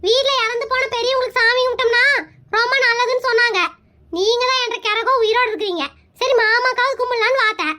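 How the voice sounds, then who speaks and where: A woman's voice: extremely high pitch, steady tone, fast talker, bright, forceful tone. A woman voicing a cheeky young daughter-in-law in a cartoon skit, teasing and sarcastic.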